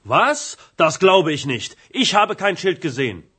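A man's voice: fairly high pitch, sing-song, slow pace, fairly bright tone, slightly rough, exaggerated voice. A man voicing an angry, indignant hotel guest in a language-learning radio drama. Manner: indignant, agitated.

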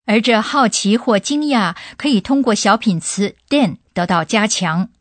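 A woman's voice: medium pitch, lively intonation, measured pace, dry recording. A woman hosting a radio language lesson, putting listeners' questions to a professor. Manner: asks the expert leading questions.

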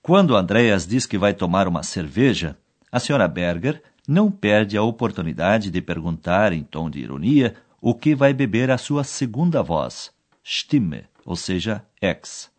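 A man with a lowish, lively voice narrates a language lesson. He sets up each scene and then says the target words slowly and clearly. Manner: explains each phrase, then quotes the foreign words. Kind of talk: scripted narration.

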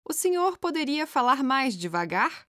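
A woman narrates a language lesson in a high, lively voice that moves a lot. Each short phrase comes out clear and measured. The sound is dry and close. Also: dry recording. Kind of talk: scripted instructional reading.

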